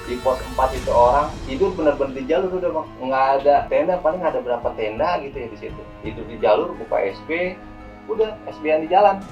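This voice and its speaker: A man's voice: medium pitch, animated, fast talker, darkish tone. A young man casually telling a hiking story as a guest, rambling and repeating words, often calling the listener "Bang". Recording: distant mic with music behind.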